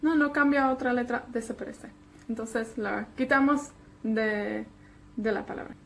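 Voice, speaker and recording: Female Welsh-native tutor, high and unhurried, patient beginner-class manner. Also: steady tone, creaky, slight background noise. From Wales. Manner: patient, repeats words slowly with check-ins. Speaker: Welsh teacher. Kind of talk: beginner language lesson.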